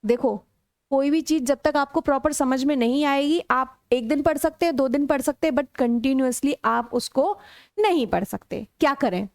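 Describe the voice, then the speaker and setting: High-voiced Indian woman teaching English. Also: normal speed, dry recording, studio quality. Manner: explains step by step, acts out sample sentences with lively intonation. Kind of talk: classroom lesson in Hindi with English examples.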